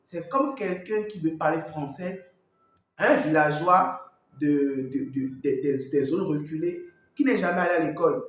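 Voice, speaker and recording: A man's voice: on the high side, lively intonation, measured pace. A man working as a language coach, giving advice straight to the viewer and repeating his points. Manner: repetitive, talks straight to the viewer. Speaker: Mandarin coach. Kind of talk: teaching advice to camera. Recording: very echoey room.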